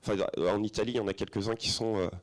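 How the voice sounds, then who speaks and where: A man's voice: lowish voice, fairly even intonation, rapid-fire. Chatty middle-aged man in a cinema. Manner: chatty, hesitant with many fillers, asks the audience questions. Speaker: film educator presenting to students. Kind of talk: informal presentation to a school audience. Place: cinema auditorium.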